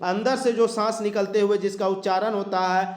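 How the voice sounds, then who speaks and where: A man teaching an exam-prep grammar lesson in a fairly high voice. He explains step by step, repeating key terms and stretching out example sounds. The room gives his voice a noticeable echo. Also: fairly even intonation, normal speed. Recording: echoey room.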